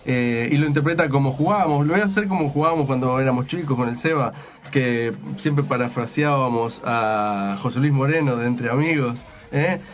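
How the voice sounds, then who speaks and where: A man's voice: mid-range voice, moderate pace. A man hosting a casual radio chat, rambling with restarts and frequent laughter. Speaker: radio host.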